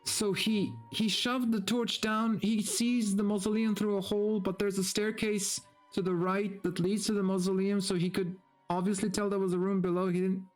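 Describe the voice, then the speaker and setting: A streamer gives a dramatic story reading, moving between theatrical narration and casual, amused, profane commentary. His high-pitched voice holds a level tone at a moderate pace with few pauses, and video game music plays beneath it on a rough recording.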